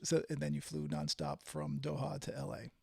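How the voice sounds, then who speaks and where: Male interview host, very gravelly, dry recording; playful, stammering questions. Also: a little high, fairly even intonation, dry recording. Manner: playful, stumbling quick questions. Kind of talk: casual interview chat.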